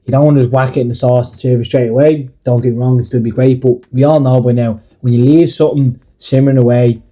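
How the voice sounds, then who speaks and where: A young man with an Irish accent and a very dark, mellow tone talks through a home cooking recipe. His delivery is casual and chatty, with blunt, slangy asides, at a middling pitch. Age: young adult. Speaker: cooking channel host. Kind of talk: scripted cooking voice-over.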